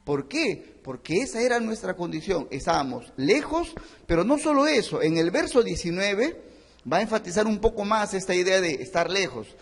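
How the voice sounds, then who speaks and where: A pastor preaching earnestly, his voice high and swinging with great animation. A husky edge sits on his tone, and the church hall adds a long reverb. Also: very animated, moderate pace. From Peru. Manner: earnest, addresses listeners as brothers, acts out stories. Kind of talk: sermon.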